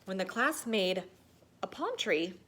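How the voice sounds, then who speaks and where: Taking a slow pace, a woman with a mid-range voice performs a children's picture book for listeners, teacher-style, full of theatrical expression.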